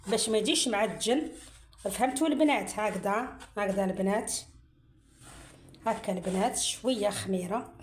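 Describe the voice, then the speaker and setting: A woman's voice: medium pitch, slight background noise. A middle-aged woman with an Algerian Arabic accent hosts a casual cooking tutorial, filming herself and chattily repeating her phrases to her viewers. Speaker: cooking channel host. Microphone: phone camera, filming herself. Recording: roomy echo.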